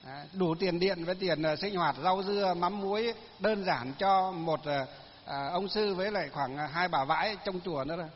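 A monk giving a sermon, telling folksy stories with many fillers. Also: male voice, high voice, moderate pace. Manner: folksy storytelling, many fillers, laughs at own tales. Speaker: Buddhist monk. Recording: lo-fi recording with long hall reverb.

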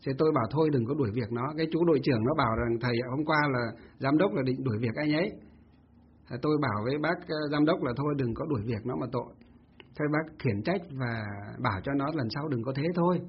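A man's voice: mid-range voice, fast, slightly rough, lo-fi sound. A Buddhist monk telling a story in a Dharma talk, asking himself rhetorical questions as he goes.

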